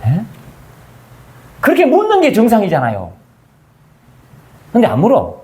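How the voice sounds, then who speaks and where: Man, pastor, sermon, high voice, very animated pitch, rhetorical questions, acts out quotes. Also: measured pace. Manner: conversational, full of rhetorical questions.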